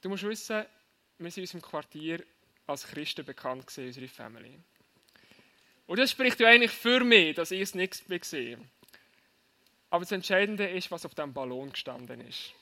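A man preaching to young people, telling a lively story and asking his listeners direct questions. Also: high voice, moderate pace, long pauses.

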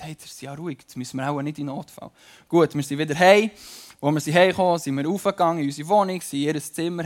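A young man giving a casual, story-driven sermon from a church stage. His voice sits a little high for a man, and he tells his stories animatedly, often pausing on fillers. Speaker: preacher. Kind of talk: conversational sermon.

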